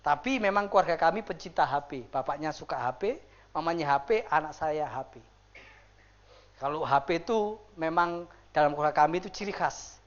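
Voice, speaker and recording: A male pastor preaching a lively sermon to a church congregation, acting out the people he describes. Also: moderate pace, muffled recording. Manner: animated, acts out quoted people with big pitch swings. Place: church service.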